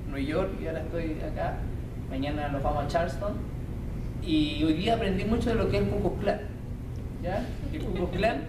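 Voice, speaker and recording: A man from Chile with a Chilean accent giving a university lecture, talking in a conversational way and checking in with his listeners. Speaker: guest speaker. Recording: echoey room, distant mic, loud rumble.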